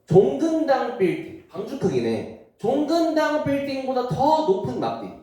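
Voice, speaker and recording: Lively, high-voiced male Sunday school teacher. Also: unhurried, far from the mic. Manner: lively storytelling with asides to children. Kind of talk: Bible story lesson for children. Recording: echoey room.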